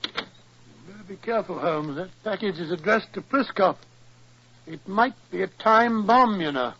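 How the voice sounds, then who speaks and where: Blustery high-pitched Doctor Watson, British. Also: male voice, expressive, a little slow, pushed and bright, slight background noise, heavily acted. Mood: genial, fussy. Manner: blustery, indignant. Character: blustery, loyal English doctor sidekick. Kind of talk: 1940s radio acting. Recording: muffled vintage radio recording.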